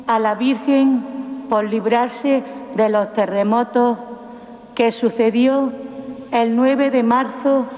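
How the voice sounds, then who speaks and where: A man giving a solemn, formal reading of an old proclamation at a church ceremony, in measured, deliberate phrases. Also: very high-pitched, steady tone, darkish tone, highs cut off. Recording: echoey hall with long reverb.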